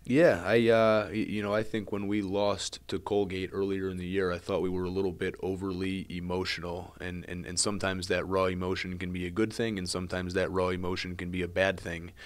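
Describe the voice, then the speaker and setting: A man, a head lacrosse coach, giving measured interview answers and often repeating words as he thinks. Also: sits low, little pitch movement.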